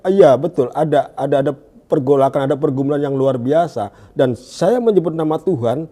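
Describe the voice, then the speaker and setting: A hesitant Indonesian man with a mellow voice gives his testimony as a guest in a conversational interview. He gropes for words and restarts in fits, and his voice goes low and hushed when he quotes.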